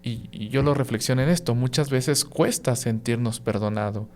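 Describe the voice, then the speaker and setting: A male priest shares a gentle reflection on a radio podcast. His speech is mid-pitched and conversational, peppered with "¿no?" and "¿sí?" as he builds his point through simple family examples. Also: normal speed. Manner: reflective, explains with everyday examples; frequent "¿no?" and "¿sí?" tag questions.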